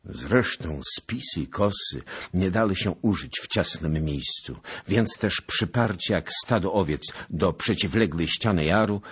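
A man narrates a historical novel in a very deep, husky voice. He reads slowly, with wide swings of intonation that give the story drama. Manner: dramatic, expressive reading.

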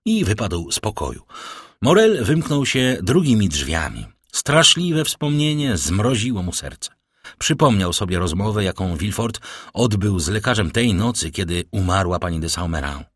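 Husky, expressive male audiobook narrator. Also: on the low side, moderate pace, no echo, clean studio sound. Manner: expressive storytelling delivery. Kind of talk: scripted narration of a novel.

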